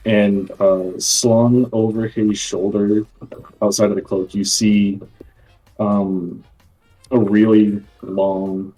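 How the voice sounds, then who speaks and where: A man's voice: lowish voice, flat delivery, takes it slowly, mellow, faint music behind, rough recording. A man playing in a tabletop game, describing a scene hesitantly with many fillers. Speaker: player.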